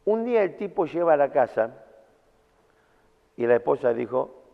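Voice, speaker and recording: A man's voice: on the high side, sing-song, moderate pace, vocal fry. A man with a Rioplatense accent preaching a camp sermon in a colloquial, storytelling way. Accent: Rioplatense Spanish. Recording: tinny sound in a reverberant hall.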